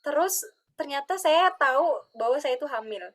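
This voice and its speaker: A woman's voice: sits high, expressive, normal speed. A woman with a Sundanese-tinged Indonesian accent, a webinar guest in casual sharing talk, chatty, laughing often and acting out her own thoughts over a video call.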